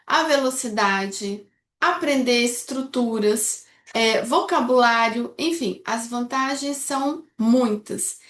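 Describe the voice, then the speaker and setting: A woman's voice: high-pitched, fairly bright tone. A woman from Brazil, an English teacher, explaining a speaking technique step by step and checking in often with her students. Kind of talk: instructional video lesson. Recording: echoey room.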